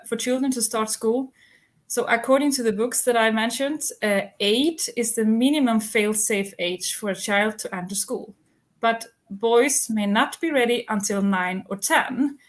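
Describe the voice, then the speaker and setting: A woman in her thirties, originally from Iceland, speaking as a guest in an interview. Her voice sits a little high, and she explains things in a measured, orderly way, numbering her points as she goes. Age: 30s. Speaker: homeschooling mother, interview guest. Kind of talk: interview answers.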